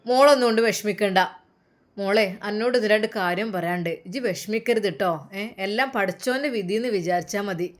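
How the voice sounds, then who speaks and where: A woman's voice: mid-range voice, fairly quick, close to an everyday voice. A woman voicing a kind, coaxing older mother in a dramatized story reading, speaking with a Malappuram Malayalam accent in a soothing, chatty way.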